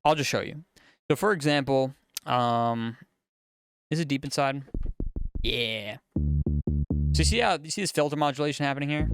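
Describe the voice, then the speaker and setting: A man's voice: mid-range voice, normal speed, long pauses, clean tone. A man, a music producer, casually talking through a studio session as he works in a music studio. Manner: relaxed, chatty, explains as he works.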